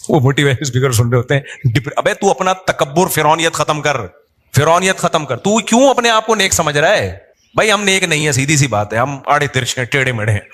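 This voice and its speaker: A man's voice: a little high, a bit bright. A middle-aged man, a religious teacher and imam, giving a conversational sermon with humour and little acted-out quotes. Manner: conversational, humorous, acts out quoted people.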